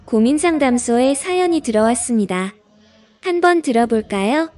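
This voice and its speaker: A woman presenting an advice segment in scripted narration, with a gentle advising manner. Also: a little high, animated, normal speed.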